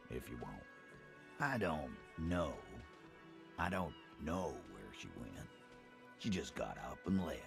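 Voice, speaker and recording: Brief: a weary union boss in a detective game; extremely low, gravelly, curt. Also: male voice, full character voice. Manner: curt, guarded replies. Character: gruff middle-aged male union boss, guarded and weary.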